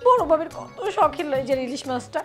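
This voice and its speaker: A woman playing a nagging, high-voiced young wife. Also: very animated, a little fast, soft background music. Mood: complaining. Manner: scolding, complaining, threatening to leave. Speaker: younger daughter-in-law. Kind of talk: village TV drama acting.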